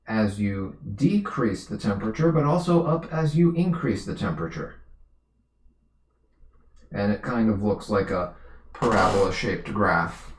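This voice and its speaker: Slow, low-voiced male physics tutor. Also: echoey room. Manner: explanatory, repeats and corrects himself. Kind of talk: live-streamed lesson.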